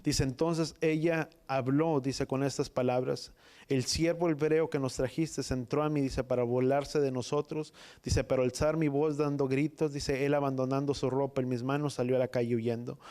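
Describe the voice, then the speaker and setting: A male preacher reads a scripture passage in short, broken phrases, putting "dice" between nearly every clause. His pitch sits in a middle range for a man, and he moves from reading into plain sermon teaching. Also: fairly even intonation, moderate pace, dark tone. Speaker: pastor.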